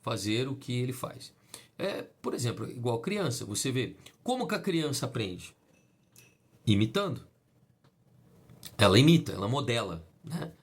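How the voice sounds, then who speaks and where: A man from Brazil delivers a sermon in a husky, slightly rough voice. He teaches patiently, posing questions to the listener and answering them himself, and circles back over each point. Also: mid-range voice, sing-song, normal speed. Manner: teaching, repetitive, asks and answers his own questions. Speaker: preacher.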